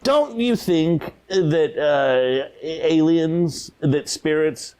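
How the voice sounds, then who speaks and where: An actor playing a rambling, hesitant male huckster who sells ghost-hunting gadgets, speaking in a deadpan mockumentary interview. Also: on the high side, very slow, clean tone. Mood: earnest. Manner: rambling, hesitant, full of uh's. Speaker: paranormal gadget seller being interviewed.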